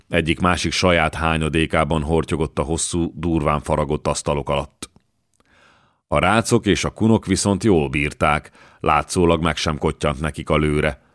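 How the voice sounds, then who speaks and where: A man reading an audiobook in a steady, measured narration, close to the mic. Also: deep voice, no echo. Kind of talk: scripted narration.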